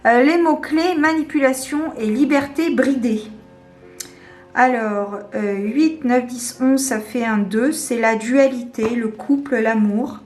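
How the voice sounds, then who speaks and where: Fairly high-voiced woman presenting oracle cards. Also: slow, darkish tone, soft background music. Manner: hesitant, many fillers, self-correcting, laughs at herself. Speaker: tarot and oracle card presenter. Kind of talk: reading card meanings to viewers.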